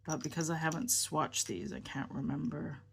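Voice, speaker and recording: A woman's voice: sits low, fairly even intonation, moderate pace, vocal fry. A woman vlogging about fountain pens in a casual show-and-tell chat. She sounds tired and subdued, rambling and hesitant, with many ums and restarts.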